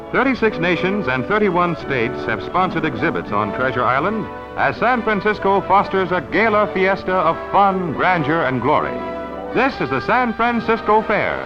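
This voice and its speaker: A man narrating a late-1940s newsreel in an emphatic announcer manner. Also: sits high. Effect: old newsreel narration. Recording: dull lo-fi archival sound with loud music. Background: music score.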